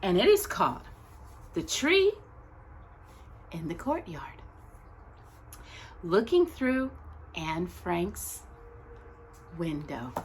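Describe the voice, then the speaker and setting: This low-quality recording carries a little hiss or hum. A woman whose voice sits on the low side reads a children's picture book aloud, narrating expressively with dramatic, deliberate pauses between short phrases.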